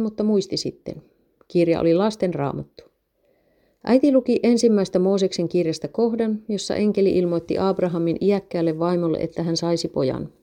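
A woman narrating a read-aloud story in a steady, measured way. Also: mid-range voice.

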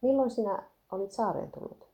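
A woman's voice: fairly high pitch, warm tone, pitched above the performer's own voice, lightly acted. A woman reading the lines of an anxious male fisherman, pleading and worried.

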